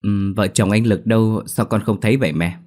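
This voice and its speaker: A man's voice: on the low side, brisk, warm tone, natural voice. A man voicing a polite young son questioning his mother in a ghost story. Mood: curious. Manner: inquiring, polite.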